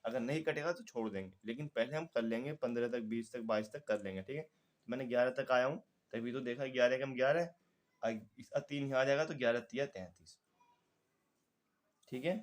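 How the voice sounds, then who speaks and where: A man's voice: medium pitch, brisk. Patient Hindi-accented man teaching math. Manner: patient, talks through calculations aloud. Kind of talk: step-by-step math lesson.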